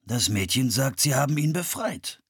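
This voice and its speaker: A man voicing a calm, kindly tall gentleman who speaks slowly and measuredly in a storybook reading. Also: mid-range voice, breathy edge, no room sound, clean studio sound, pitched above the performer's own voice.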